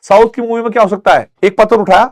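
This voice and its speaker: Animated male teacher, fairly high. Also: fast talker. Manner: animated storytelling with sound effects. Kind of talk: classroom lecture.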